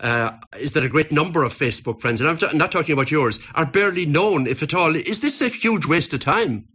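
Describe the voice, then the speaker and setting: A man with an Irish accent hosting a radio interview, asking lively questions and stumbling on his first words. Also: fairly high pitch, a little fast, husky. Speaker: radio host.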